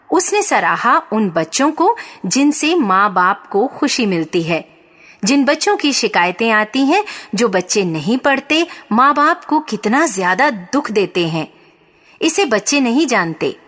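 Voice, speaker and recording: A woman reads a storybook tale in a slow, unhurried way. Her voice sits somewhat high, and her delivery stays calm and measured. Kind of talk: scripted storybook narration.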